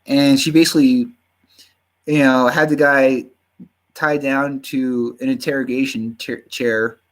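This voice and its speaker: A man in his fifties chats on a livestream in an unhurried, meandering way. His speech carries a faint Southern drawl. He pads his sentences with fillers and often trips into restarts as he goes. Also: medium pitch, steady tone, rough recording. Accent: slight Southern drawl. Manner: halting, full of fillers and restarts. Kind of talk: casual rambling chat.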